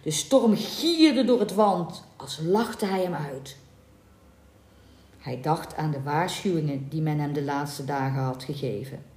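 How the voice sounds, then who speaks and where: A woman reading a legend aloud in a scripted storybook narration, dramatic and expressive. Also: deep voice, slow pace. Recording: echoey room.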